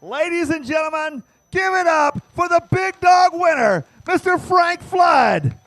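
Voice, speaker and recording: Male race announcer, very high raised voice, booming, pumped-up delivery, live outdoor trackside commentary. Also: lively intonation, unhurried, a bit bright. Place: outdoors at a speedway.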